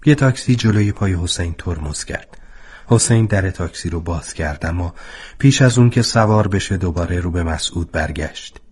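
Guy reading a story out loud, low husky voice, calm and expressive. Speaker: narrator.

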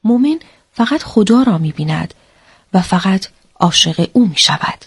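A woman's voice: medium pitch, lively intonation, husky. Woman narrating a devotional story. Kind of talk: scripted narration of a religious story.

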